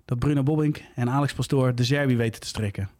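Male host, rapid delivery, keeps the football chat moving. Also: mid-range voice, a little mellow. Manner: brisk, steers the conversation. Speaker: podcast host. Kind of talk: casual podcast chat.

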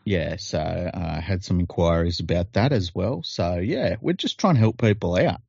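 A man co-hosting a podcast, chatting casually in a deadpan, teasing, sweary way. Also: sits low, normal speed, creaky, slightly rough, dry recording, highs cut off. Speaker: podcast co-host. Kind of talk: casual chat.

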